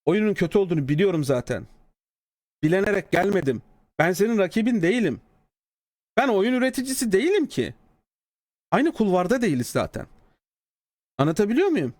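Sarcastic Turkish streamer, high dry voice. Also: male voice, big pitch swings, a little fast, pauses often, darkish tone, no room sound. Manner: sarcastic, mocking, swings from low mutters to high exclaims. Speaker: streamer reading and answering a developer's comment. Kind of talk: casual live-stream talk.

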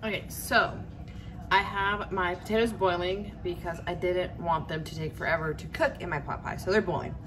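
A young woman, chatting casually as she cooks in her home kitchen, with plenty of ums and a relaxed, unhurried way of talking. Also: fairly low pitch, noisy background. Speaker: home cook vlogger. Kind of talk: casual cook-along narration.

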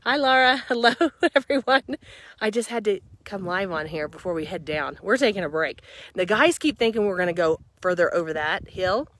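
A middle-aged woman talks into a phone held at arm's length on a windy mountainside, faint outdoor noise behind her. She is tired from hiking but excited, laughing often and greeting viewers by name. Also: on the low side, moderate pace. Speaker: vlogger streaming live. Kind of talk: casual live-stream chat.

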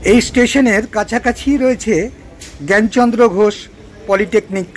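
A man's voice: high voice, steady tone, normal speed, slight background noise. A man narrating a local train journey as a travel vlogger, pointing out sights along the route. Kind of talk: calm guided narration over train footage.

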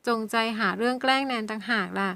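Audiobook: woman playing a tearful young servant, trembling and high. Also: fairly even intonation, fast talker, pushed and bright, dry recording. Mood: indignant. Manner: trembling, broken voice. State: crying.

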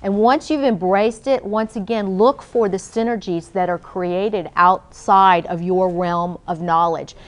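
A woman's voice: medium pitch, steady tone, unhurried, few pauses. A woman guest on a TV studio panel, speaking with confident, motivational delivery. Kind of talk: panel discussion on a TV talk show. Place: TV studio set. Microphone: lapel mic.

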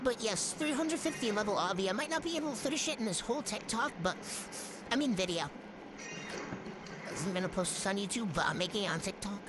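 A young gamer talking through a voice changer, rambling excitably and swearing while playing, with a cold and hiccups. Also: medium pitch, quick pace. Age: student. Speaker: gamer vlogger. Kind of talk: casual gameplay commentary. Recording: loud background noise.

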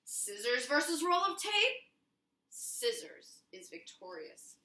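Reading a storybook to children in a kitchen, a young teacher sounds very animated, slightly high-pitched and sharp, taking a slow pace. The distant mic across the room adds a roomy echo.

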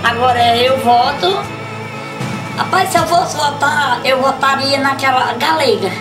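A woman's voice: high voice, a little slow, music in the background. A woman guest on a live TV talk show, talking in a rambling, playful, joking way. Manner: rambling, playful, claims to be from another planet. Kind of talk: comic live TV interview.

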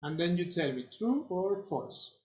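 A man teaching English to children over a video call, slow and patient, repeating his instructions. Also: sits high, very animated, a little mellow, roomy sound, muffled recording. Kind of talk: online class instruction.

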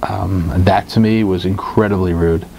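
A man's voice: low voice, normal speed, creaky, slight background noise, rough recording. A middle-aged man co-hosting a casual chat, telling a dating story with lots of fillers and restarts into a lapel mic. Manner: rambling, animated, many fillers and restarts. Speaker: co-host. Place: indoor studio room with guitars on the wall. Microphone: lapel mic with headphones.

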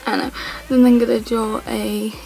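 Young female vlogger at home, fairly high and raspy-edged, giggly, self-correcting, filler-heavy. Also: level tone, normal speed, mellow, soft background music, rough recording. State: voice sounds odd, she says. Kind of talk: casual chat to camera. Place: home, indoors.

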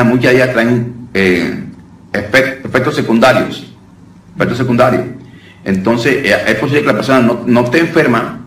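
A man's voice: fairly low pitch, fairly bright tone. Man preaching in a roomy hall. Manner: conversational, often calls listeners brother, with many restarts. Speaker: deliverance minister teaching. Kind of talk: informal preaching lesson. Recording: roomy sound from a distant mic with faint noise.

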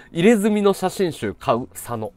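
A male streamer spins a comic story in easy conversational chat, swinging his pitch wildly up and down as he slips into other people's voices. He breaks into laughter often between the bits. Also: no room sound. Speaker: live streamer.

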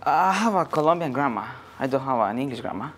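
A woman's voice: extremely low pitch, expressive, fast, slightly rough, exaggerated voice. A woman playing a male game show host who keeps mishearing and getting muddled. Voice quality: hard of hearing, muddled. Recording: loud background noise.

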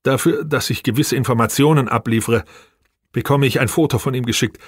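A man reads a science fiction audiobook in a mid-pitched voice, close to the mic. The sound is dry and free of room echo. He lifts his voice a little when he speaks the characters' lines. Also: a little fast, breathy edge. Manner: reads dialogue with a raised, livelier voice for characters. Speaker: audiobook narrator. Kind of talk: scripted narration of a sci-fi audiobook.

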